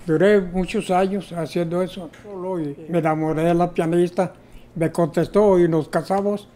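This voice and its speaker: Recounting his personal testimony as an interview guest, an older former co-pastor tells his story haltingly with many repeated fillers. He has a warm, high-sitting voice with fairly even intonation and a moderate pace.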